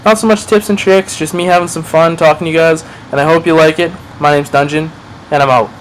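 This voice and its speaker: Brisk and fairly even in intonation, a man with a fairly high voice comments casually on a match, rambling, swearing, and making fun of himself. The audio is poor, with slight background noise.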